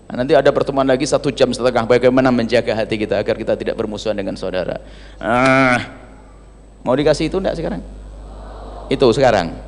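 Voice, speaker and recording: A male preacher giving a sermon, animated, switching between loud emphatic lines and soft, quiet asides. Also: medium pitch, quick pace, slight background noise. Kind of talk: religious sermon. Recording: long hall reverb.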